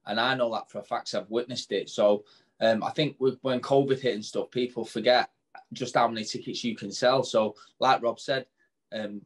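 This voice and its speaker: A man's voice: mid-range voice, fairly even intonation, normal speed. A man chatting casually as a panelist in a sports interview. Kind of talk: casual chat.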